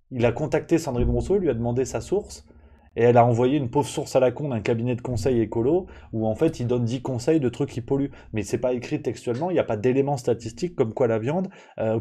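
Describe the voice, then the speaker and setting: A man's voice: mid-range voice, mellow. A man hosting a live press review, ranting in a casual, sarcastic way with many fillers and restarts, plainly annoyed. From France.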